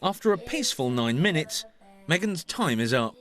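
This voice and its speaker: A man with a British accent giving scripted documentary narration in a measured, storytelling way. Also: on the high side, very animated, noisy background. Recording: music under the voice.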